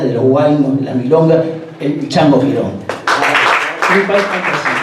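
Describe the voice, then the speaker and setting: A guest speaker at a tango event tells an audience anecdotes in a slightly high, mellow male voice, hesitating often and acting out quoted dialogue. He's recorded from a distance in a very echoey event hall with faint background noise.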